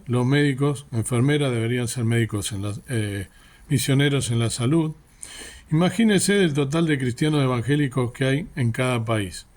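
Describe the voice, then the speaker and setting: A man's voice: mid-range voice, a little mellow. A man giving an earnest sermon reflection, often asking rhetorical questions. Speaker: preacher.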